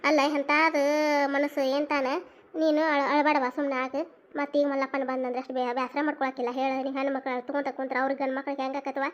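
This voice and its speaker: A woman playing a motherly village elder, high North Karnataka voice. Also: flat delivery, quick pace, dull audio, lightly acted. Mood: soothing. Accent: North Karnataka Kannada. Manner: soothing, scolding-kind advice. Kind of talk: homemade village family drama.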